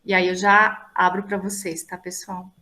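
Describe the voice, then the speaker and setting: A woman's voice: on the low side, monotone, normal speed, pushed and bright. A woman teacher explaining a lesson over a video call, chatty and full of tag questions and fillers. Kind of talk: online class explanation.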